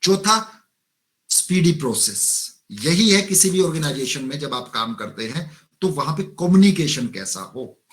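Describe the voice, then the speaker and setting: A man with an Indian accent lectures over a video call, his voice a little higher than most. He works through numbered lists of points and keeps checking in with his listeners, mixing English terms into his talk. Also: very animated, unhurried, fairly bright tone. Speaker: webinar resource speaker. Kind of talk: motivational lecture. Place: online webinar.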